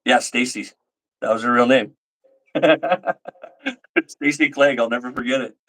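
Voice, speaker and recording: Speaking slowly in a medium-pitched voice, a middle-aged livestream host tells casual stories to his viewers. He acts out the quoted lines with animation, and the audio is rough.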